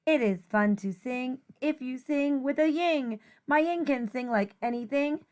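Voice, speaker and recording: A woman teacher reading a rhyming children's picture book aloud in an expressive, sing-song way. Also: high-pitched, unhurried.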